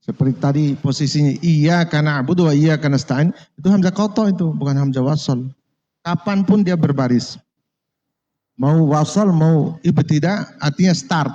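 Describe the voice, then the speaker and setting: Indonesian man, mosque Quran teacher, unhurried and repetitive, dull lo-fi recording. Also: a little high, darkish tone. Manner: slow and repetitive, correcting students, drawing out Arabic terms. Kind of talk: relaxed classroom lesson.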